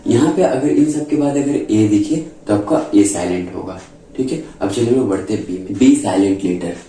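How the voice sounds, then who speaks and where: A male teacher gives a classroom-style grammar lesson, repeating his points and slowing down to spell out letters one by one. His voice is very dark and mellow. It is recorded from a distance and bounces around a strongly echoey room. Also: fairly low pitch, expressive. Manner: repeats points, frequent "ठीक है" and "क्या बोले" checks. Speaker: English teacher.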